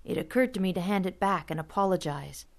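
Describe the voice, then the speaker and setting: A woman narrating a first-person story as an audiobook, steady and vivid. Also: on the low side, fairly quick, gravelly.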